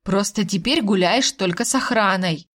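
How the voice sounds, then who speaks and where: A woman voicing a stern, weary male dragon husband who speaks slowly and firmly. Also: medium pitch, a bit bright, natural voice. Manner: slow, firm, tired.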